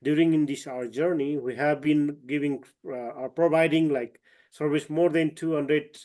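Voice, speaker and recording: A man from eastern Nepal, a trekking guide and company owner, speaks haltingly with many fillers and restarts over a video call. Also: fairly high pitch, steady tone, a little mellow. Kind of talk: online webinar talk.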